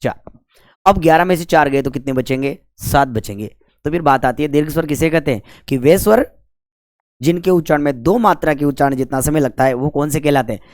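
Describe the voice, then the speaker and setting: A man's voice: a little high, fairly quick, a little mellow, no echo, studio quality. A man teaching grammar for exam prep. He asks questions, answers them himself and stretches out the vowel sounds. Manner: chatty, with jokes between the rules.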